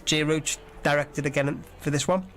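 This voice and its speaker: A man's voice: on the high side, steady tone, moderate pace, a bit bright, slight background noise. A man hosting an online radio show, chatting casually and enthusiastically about films with jokey asides. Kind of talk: casual movie trivia chat.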